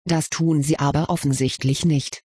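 A reader voicing a brooding young schoolboy wizard who speaks quietly and warily, in an audiobook reading. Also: mid-range voice, fairly even intonation, moderate pace, husky, no echo, natural voice. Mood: guarded.

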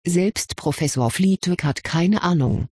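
A reader voicing a quiet, serious young wizard boy who hides his fear, in an audiobook. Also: medium pitch, unhurried, slightly rough, no echo. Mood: subdued. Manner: subdued, hiding his fear. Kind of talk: audiobook reading.

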